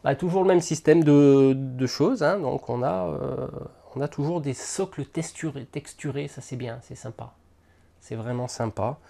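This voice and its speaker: A man's voice: mid-range voice, measured pace, gravelly, mellow. A man hosting a miniatures hobby channel, casually unboxing and thinking aloud to the camera with lots of hesitant fillers.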